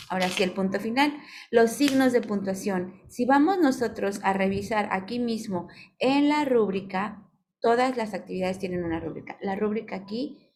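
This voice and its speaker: A woman's voice: mid-range voice, normal speed, darkish tone. Female teacher with a Mexican accent on a video call, patient, keeps checking in with the class, faint hiss behind. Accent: Mexican Spanish. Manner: patient, checks in with "ok?" often, calls on students. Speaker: online course instructor. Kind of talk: live online class on spelling and punctuation.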